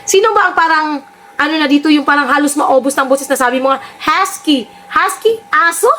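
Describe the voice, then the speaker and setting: A woman's voice: sits high, fast, bright, forceful tone, a little hiss or hum. A woman giving mocking, sarcastic reaction commentary on clips, often teasing and laughing.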